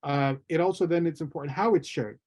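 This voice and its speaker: A man's voice: fairly high pitch, fairly quick, darkish tone. A man from Somalia speaking as a panelist in an online discussion, thoughtful and often repeating words as he starts a point. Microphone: video call.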